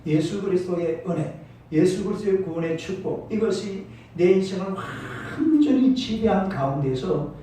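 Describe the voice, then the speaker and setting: A man's voice: high voice, lively intonation, normal speed, mellow, a little hiss or hum. A male pastor preaching a sermon, emphatic, calling out to the congregation for responses. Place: church sanctuary. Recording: echoey church hall from far off.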